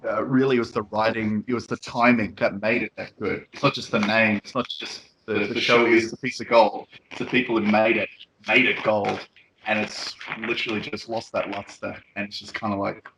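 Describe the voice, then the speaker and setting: A man's voice: fairly low pitch, little pitch movement, normal speed, background noise. A man co-hosting a casual podcast, rambling and hesitant, with many fillers. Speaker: podcast co-host. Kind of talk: casual panel chat.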